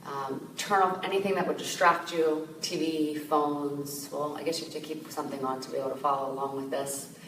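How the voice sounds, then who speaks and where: A woman meditation teacher calmly guiding a meditation, speaking gently and slowly with soft fillers. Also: deep voice. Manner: gentle, slow, soothing guidance with soft fillers. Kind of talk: guided meditation. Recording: echoey room, distant mic, noisy ambience.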